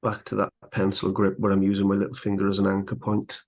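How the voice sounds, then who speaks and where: Male carving instructor, low and even, relaxed and chatty while working. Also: quick pace. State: slightly out of breath. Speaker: woodcarving instructor. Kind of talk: live carving tutorial.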